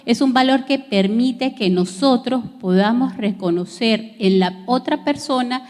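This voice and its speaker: Woman teacher, fairly high voice, measured lecture delivery with fillers, long reverb around her. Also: darkish tone. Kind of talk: recorded class lesson.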